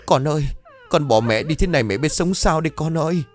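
A man voicing an old mother crying out in grief over her murdered daughter, his voice raised and pitched up. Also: expressive, fairly quick, natural voice. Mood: anguished. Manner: high, wailing, anguished. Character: frantic grieving old mother.

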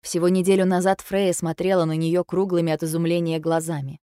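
A woman narrating an audiobook in the first person, with a low voice and a subdued, somber delivery. The recording is dry and close, with no room echo. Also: level tone, fairly quick, warm tone, smooth. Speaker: audiobook reader.

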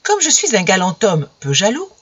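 A smooth, mocking young politician, as a narrator plays him, never loses his composure and teases with glib replies. The voice is husky and the reading sounds dull and dry. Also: sits high, lively intonation, normal speed, fairly bright tone, no echo. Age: young adult. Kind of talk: audiobook character voice.

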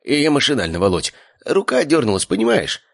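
A man's voice: medium pitch, sing-song, fairly quick, vocal fry, slightly rough, no room sound, studio quality, voice pushed up, exaggerated voice. A man voicing a cowardly, lying, heavyset middle-aged uncle who talks in a whiny, pleading way. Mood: flustered. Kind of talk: audiobook character voice.

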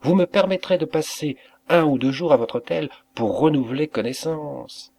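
A man voicing a kindly old bookseller who speaks gently and good-naturedly. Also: a little high, normal speed, gravelly, voice pushed up. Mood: warm. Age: older.

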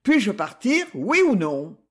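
A pompous official, enraged and puffed up with his own importance, as a male reader puts him on. His voice is high, husky and swings wildly as he blusters and threatens, loud with outrage throughout this audiobook scene. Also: big pitch swings, unhurried, full character voice. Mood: indignant. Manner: indignant, blustering.

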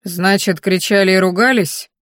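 A woman's voice: mid-range voice, steady tone, normal speed, fairly bright tone, no room sound, close to an everyday voice. A curt, cold gang boss snapping out questions and orders, voiced by a woman reader in her ordinary voice. Contempt runs through his clipped lines. The sound is close and dry. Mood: stern. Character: stern suspicious gang boss, adult man. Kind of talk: audiobook character voice.

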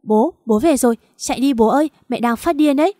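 A woman's voice: fast, warm tone, dry recording, clean studio sound, close to an everyday voice. A woman reading an audiobook and voicing a frightened young daughter who pleads with her parents. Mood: panicked. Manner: high, pleading, panicky.

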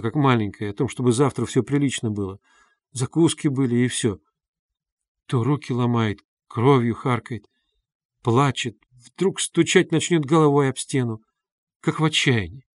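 Brief: timid pale young woman, soft and pleading, storybook reading, voiced by a man, dry close sound. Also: mid-range voice, no room sound.

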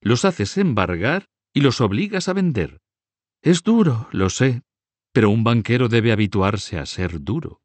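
A man voicing a cunning older banker who speaks smoothly and persuasively. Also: mid-range voice, big pitch swings, measured pace, a little mellow, no room sound, pitched above the performer's own voice. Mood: instructive. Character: cunning older Italian male banker, soft-spoken.

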